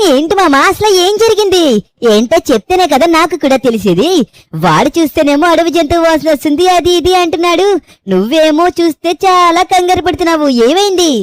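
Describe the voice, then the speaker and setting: Excitable little cartoon kid, a woman doing the voice, quick chatter, dry close sound. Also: very high-pitched, no echo. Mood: puzzled. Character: cheeky little cartoon boy, easily scared. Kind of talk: gameplay story voice-over.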